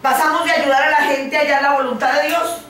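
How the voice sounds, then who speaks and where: An older woman preaching a sermon in short phrases, pausing for an interpreter, in a living room. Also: high-pitched, steady tone, fairly bright tone, slight background noise. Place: living room set with framed pictures. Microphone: far camera. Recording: echoey room from far off, faint music.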